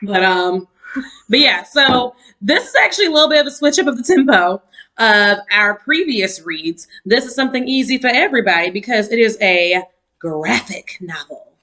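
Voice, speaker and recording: A woman's voice: a little high, animated, normal speed, pushed and bright. A tipsy woman co-hosting a book club, talking casually and playfully about books. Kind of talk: casual book review chat.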